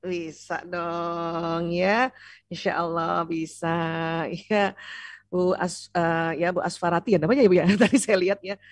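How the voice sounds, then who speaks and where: A woman giving a seminar lecture on family life, lively and playful, teasing the audience and asking it questions. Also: lowish voice, measured pace, no echo, studio quality. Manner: asks the audience questions and answers them. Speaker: seminar speaker.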